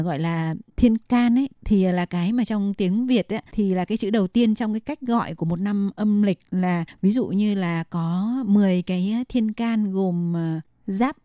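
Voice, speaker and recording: A woman's voice: medium pitch, dark tone, dry recording. A woman hosting a radio talk show, explaining steadily with many fillers. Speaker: radio host.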